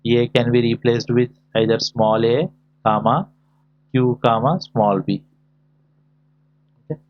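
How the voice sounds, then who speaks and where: A man's voice: medium pitch, takes it slowly. A man teaching a lesson, dictating notation symbol by symbol and posing short questions as he works through it step by step. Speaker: lecturer teaching a class. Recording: dull, lo-fi audio.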